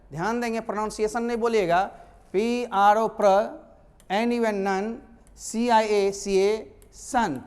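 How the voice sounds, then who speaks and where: A man teaching a spoken English lesson online, energetic and emphatic as he drills pronunciation out loud. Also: sits high, clear, resonant tone, in a large hall.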